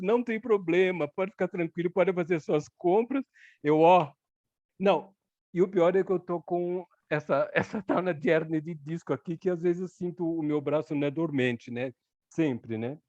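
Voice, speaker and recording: A man telling a story casually in a rambling, animated way, with frequent tag questions. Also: fairly high pitch, dry recording, lo-fi sound. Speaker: study group participant.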